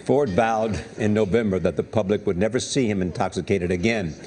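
A man reading a scripted news report in a brisk, even delivery. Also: fairly low pitch. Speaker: news anchor.

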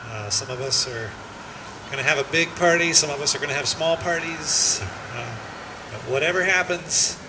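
A man in church urging listeners to give thanks, speaking slowly and earnestly with some hesitation. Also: on the high side, distant mic, background noise. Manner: slow and earnest, with filler uhs. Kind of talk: church exhortation. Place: church sanctuary. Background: worship music.

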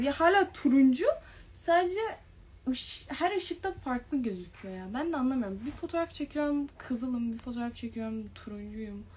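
Young female streamer, higher voice, chatty, answers viewer comments, light room noise under it. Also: darkish tone. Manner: chatty, reads comments aloud then answers them. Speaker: livestream host. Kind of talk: casual live-stream chat reading viewer comments. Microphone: phone or webcam livestream.

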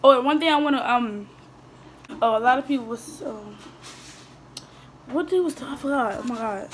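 This teenage girl has a high, somewhat bright voice at a normal speed. Eating through a mukbang, she answers viewer questions loosely with fillers and restarts, sometimes mid-bite, into a phone on the table of a small room where slight background noise lingers.

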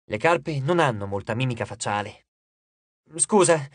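A man narrating an audiobook with dramatic, expressive delivery and character voices. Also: moderate pace, slightly rough, dry recording. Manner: dramatic, shifts pitch and loudness for characters.

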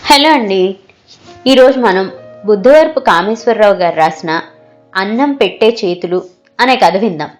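A woman hosting and narrating an audiobook story in a calm, measured reading style. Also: mid-range voice, soft background music. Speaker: narrator and host.

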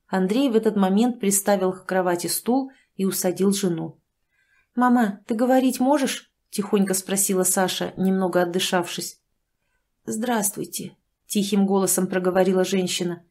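A woman reads an audiobook in an even, measured way. Her voice sits at a medium pitch. The narration is calm and steady. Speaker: audiobook reader. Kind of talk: scripted narration.

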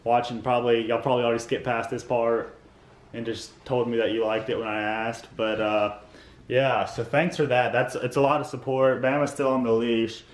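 A man's voice: medium pitch, level tone, moderate pace. A young man, casually vlogging outdoors in a playful, joking way. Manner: joking, playful, talks to his pets. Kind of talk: casual vlog chat. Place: outdoors in a yard.

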